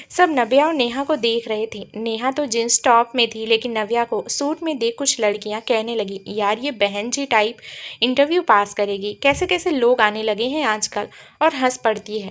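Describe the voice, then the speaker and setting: Woman reading a romantic story aloud. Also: on the high side. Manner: reads all the characters' lines in her own voice, slow and soft at tender apologies. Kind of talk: narrated love story reading.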